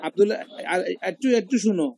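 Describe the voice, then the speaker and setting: A man's voice: high-pitched, fast, creaky, a little mellow. A man teaching a Quran recitation class over a video call, explaining pronunciation step by step and repeating sounds. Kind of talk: online class discussion.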